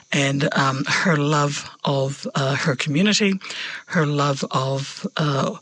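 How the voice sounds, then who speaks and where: A woman hosting a conversational interview, speaking in a measured, hesitant way with frequent pauses. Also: low-pitched, fairly bright tone, slightly rough, no echo, rough recording. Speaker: interview host.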